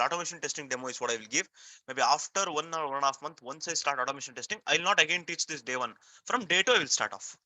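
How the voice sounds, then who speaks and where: Teaching software testing live online, a man with an Indian accent repeats points and keeps quizzing his students in an emphatic, step-by-step style. He has a fairly high, bright, forceful voice, with no echo in the recording.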